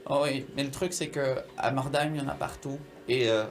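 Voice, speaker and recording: A man's voice: medium pitch, fairly even intonation, a little fast. A man, improvising narration and dialogue as a tabletop game master in a casual, hesitant way. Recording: music playing behind the voice. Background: music.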